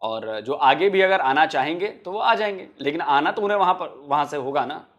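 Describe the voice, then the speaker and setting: A man's voice: a little high, animated, brisk, fairly bright tone, muffled recording. A man hosting a reaction video, arguing emphatically and addressing his viewers. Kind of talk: reaction commentary.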